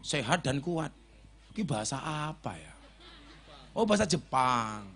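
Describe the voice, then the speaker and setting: A man's voice: mid-range voice, sing-song, measured pace, fairly bright tone, slightly rough. A man with a Javanese accent preaching at a village gathering, joking and teasing the crowd. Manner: jokey, teasing the crowd, switching between Javanese and Indonesian. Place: outdoor village religious gathering.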